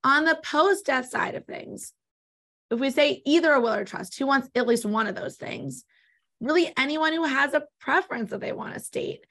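A woman's voice: high-pitched, moderate pace, a bit bright. A woman, an estate planning attorney from Los Angeles, California, explaining legal options step by step in an interview, with small restarts.

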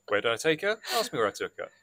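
A man's voice: mid-range voice, sharp tone. A man co-hosting a podcast in casual chat, with a wry, self-mocking manner, laughing at his own jokes. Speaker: podcast co-host.

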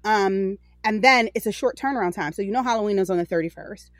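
A woman's voice: mid-range voice, fast talker, dry recording. A woman in her forties co-hosts a casual podcast chat. She speaks candidly and loosely, backing up to correct herself as she goes. Her voice sits close and dry, with no room sound. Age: 40s. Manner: candid, rambling, self-correcting. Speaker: podcast co-host.

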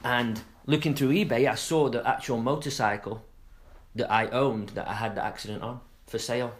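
A man's voice: medium pitch, fairly even intonation, moderate pace. A middle-aged man from England co-hosting a casual chat, rambling and trailing off mid-sentence with fillers. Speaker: podcast co-host.

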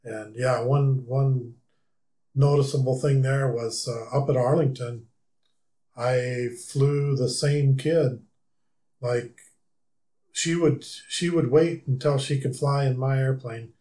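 A man answering as a guest in a relaxed podcast conversation. His voice sits at an ordinary middle pitch. He pauses and restarts often while he thinks back. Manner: halting, many restarts and fillers. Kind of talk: casual interview chat.

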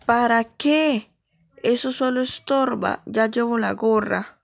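A woman's voice: fairly high pitch, takes it slowly, gravelly. A woman playing a cocky, defiant nine-year-old boy in a children's radio story. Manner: cocky, protesting.

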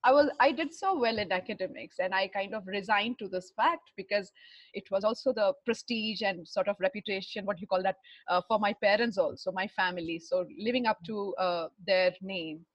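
A middle-aged woman from Bihar with an educated Indian accent, telling her life story in a halting, reflective way, searching for words. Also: mid-range voice, dry recording, highs cut off. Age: 40s or older. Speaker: interview guest, runner and fitness trainer. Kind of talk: personal life story in conversation.

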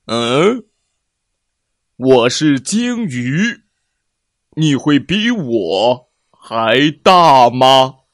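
Man doing a huge whale, slow and loud, mocking, children's storybook, dry sound. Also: medium pitch, very animated, no echo, exaggerated voice.

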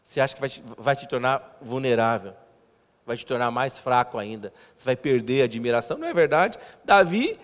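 High-voiced pastor in a reverberant hall. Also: male voice. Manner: halting, repeats words, conversational and self-mocking. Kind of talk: sermon. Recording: long church hall reverb.

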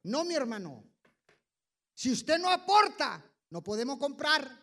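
A man's voice: extremely high pitch, very animated, a little slow, bright, forceful tone. A male pastor preaching a sermon and leading his congregation in repeat-after-me prayer, with plain-spoken, teasing asides to the listeners.

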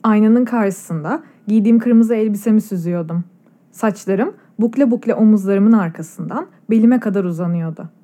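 A woman narrating a story in a calm, measured and reflective way, recorded in a studio. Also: mid-range voice. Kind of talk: scripted audiobook narration.

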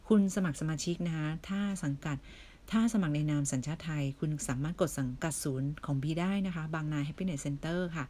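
Woman, low voice, persuasive sales pitch, chatty, keeps asking the listener questions. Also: a little fast, dark tone. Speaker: beauty product seller recruiting members.

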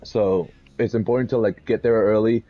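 Animated storytelling man from Puerto Rico. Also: lowish voice, muffled recording. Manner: animated rambling storyteller, quick laughs. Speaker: podcast co-host. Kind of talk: casual chat.

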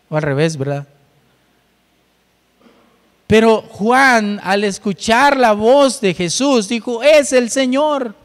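A man with a notably high voice delivers a sermon, moving from steady scripture reading to emphatic, rising exclamations. His words ring out with a long reverb, as if recorded in a large church hall. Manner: reads scripture then preaches, rising emphatically on key phrases. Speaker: pastor.

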